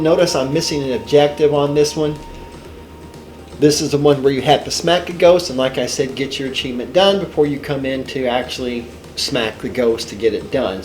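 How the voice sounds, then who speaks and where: The channel host is an older man, congested from a head cold, offering casual, rambling, folksy commentary on a gameplay walkthrough and correcting himself often. His mid-range voice has a darkish tone and normal speed, set in a reverberant space with faint music behind him.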